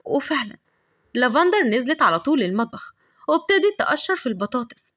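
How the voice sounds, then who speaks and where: Brief: Egyptian woman storyteller, high voice, rapid lively narration.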